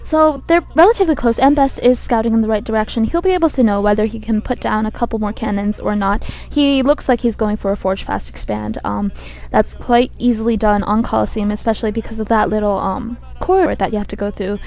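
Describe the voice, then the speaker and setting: A woman with a croaky voice from a cold gives hesitant esports commentary, thinking aloud as she goes. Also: on the high side, brisk, darkish tone. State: has a cold. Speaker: game commentator. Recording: buzzy microphone.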